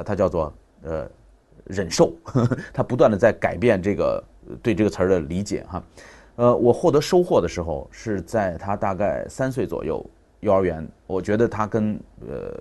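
A man's voice: lowish voice, darkish tone. A man in his thirties giving a public talk on parenting, telling family stories and acting out the dialogue. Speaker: parenting speaker.

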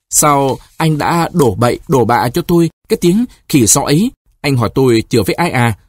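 A man's voice: mid-range voice, dry recording, studio quality, close to an everyday voice. A man putting on a desperate young woman. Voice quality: husky, pleading. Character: distraught pregnant young woman of eighteen.

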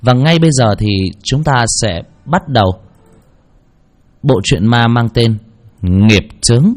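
A man narrating a ghost story in a dramatic, expressive way. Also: mid-range voice, takes it slowly.

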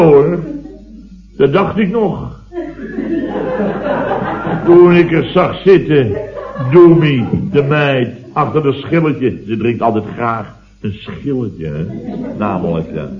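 In a radio comedy, a male actor with a Dutch accent from the Netherlands plays a grumbling, boastful building-firm boss telling indignant, drawn-out anecdotes full of repeated tag words. His medium-pitched voice is animated and sardonic, with a crowd audible behind him. The vintage radio recording sounds dull and roomy.

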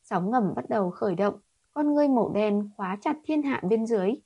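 A woman reading a romance novel aloud in steady scripted narration. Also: mid-range voice, fairly quick, husky, no echo, muffled recording. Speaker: audiobook reader.

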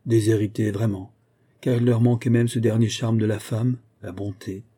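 A man narrating a novel as an audiobook, in a measured storytelling way. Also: on the low side, flat delivery, warm tone, breathy edge.

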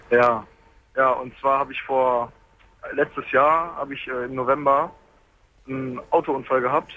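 A man in his twenties calls in from a truck cab on a hands-free speakerphone, telling his story calmly and haltingly. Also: medium pitch. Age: 20s. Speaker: caller. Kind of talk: late-night radio phone-in call. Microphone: car hands-free speakerphone. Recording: tinny phone line, faint road noise.

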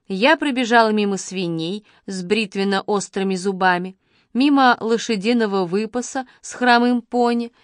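A woman giving scripted first-person narration of an audiobook at a measured, even pace. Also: medium pitch, no echo, clean studio sound.

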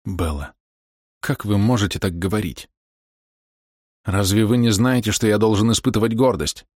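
A man voicing a gravely ill young man who speaks quietly and haltingly in an audiobook reading. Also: lowish voice, dry recording, studio quality, lightly acted. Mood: sad.

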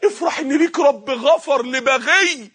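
A man's voice: extremely high pitch, moderate pace, fairly bright tone. A male preacher with an Egyptian accent giving an impassioned sermon, telling stories and rising to cries. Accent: Egyptian Arabic. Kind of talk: emotional sermon.

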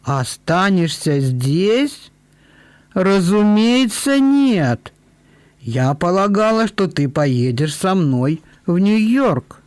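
A kindly old lady from an audiobook, lonely and gently fussy, drawing out her words, as a male narrator puts her on. The voice sits fairly high for a man and sounds dry and close. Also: big pitch swings, no room sound, exaggerated voice. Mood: surprised, assured. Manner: slow, deliberate, drawn-out speech.

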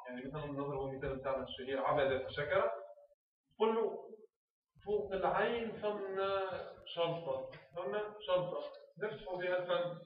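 A man instructs teachers on reading drills, repeating words slowly and clearly. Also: sits high, a little hiss or hum. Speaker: teacher trainer. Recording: echoey room, far off, phone-like sound.

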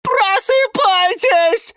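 A reader doing Limon Filimon, shrill frantic lemon tree. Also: animated, unhurried, dry recording, studio quality. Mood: alarmed. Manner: shrill, frantic, often shouting or hissing. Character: fussy male lemon tree, anxious and scolding. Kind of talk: children's audiobook reading.

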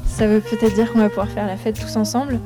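A woman's voice: medium pitch, level tone, fast talker. A woman giving a playful, conversational mystical reading of dice and explaining it as she goes. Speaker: fortune-telling presenter reading dice. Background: music.

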